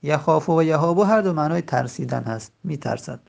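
A man teaching a grammar lesson. He says the example words slowly and drawn out, then explains quickly. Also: a little high, expressive, creaky.

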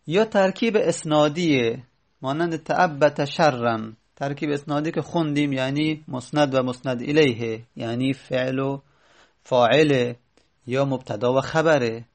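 A male teacher working through a grammar lesson in a plain, mid-pitched voice. He explains patiently and repeats key points. He pauses with fillers as he goes and slows right down on each example.

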